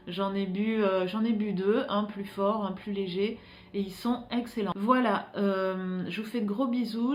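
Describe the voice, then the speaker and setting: French woman vlogging about her trip, chatty and rambly, lots of little pauses, echoey room. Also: medium pitch, a little mellow. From France. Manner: rambling, many filler pauses and restarts. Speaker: illustrator vlogger. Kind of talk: casual vlog chat to viewers.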